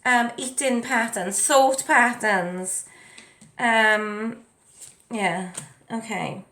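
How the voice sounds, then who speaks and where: A woman's voice: on the high side, very slow, pushed and bright. A woman giving a casual spiritual card reading, chatty, with lots of ums and you knows as she reads the card texts aloud. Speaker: tarot and oracle card reader. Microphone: desk mic at a home setup with ring light.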